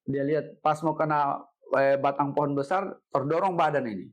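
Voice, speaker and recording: A middle-aged man, a guest telling a story in an interview, animated, repeating himself and ending lines with "Pak". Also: a little high, moderate pace. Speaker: head of city education office, guest.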